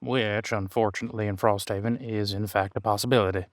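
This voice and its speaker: A man voices a seasoned detective in a one-sided scene from an audio drama, lightly acted, his lowish voice recorded dry and close with no room sound. A patient, wry mentor, he sounds puzzled as he thinks aloud in folksy, colloquial phrases, his intonation fairly even and his pace quick, though he takes his time.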